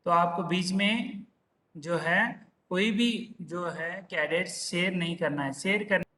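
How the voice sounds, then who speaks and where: A man's voice: high-pitched, slow pace, bright, forceful tone. A man teaching an online class in a patient, repetitive way, drawing out syllables and checking in often. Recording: voice far from the mic.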